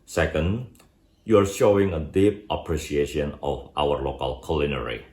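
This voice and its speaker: A man's voice: extremely low pitch, steady tone, unhurried, darkish tone. A man from Indonesia with an Indonesian accent, hosting a scripted advice video and speaking directly to viewers. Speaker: YouTube host. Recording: roomy indoor echo.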